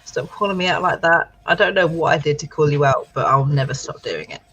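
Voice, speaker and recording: Co-hosting a relaxed writing livestream, a British woman reads viewer comments aloud with encouragement, chatting and thinking out loud as she goes. She speaks briskly in a low voice with a fairly bright tone. A little hiss or hum is audible.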